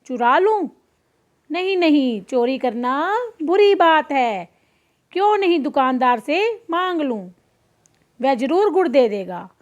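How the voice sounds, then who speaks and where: A woman's voice: high voice, very animated, takes it slowly, exaggerated voice. A woman voicing a small, polite male rabbit who sweet-talks and pleads, in a plain storybook reading. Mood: musing. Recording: dull lo-fi recording.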